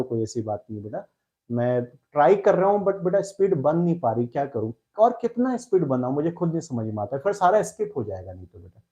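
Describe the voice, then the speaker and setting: Indian guy teaching chem live online, keeps calling students beta, repeats stuff, mellow voice. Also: a little high, lo-fi sound. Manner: coaxing, calls students "beta", repeats words. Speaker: chemistry teacher. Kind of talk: live online class lecture.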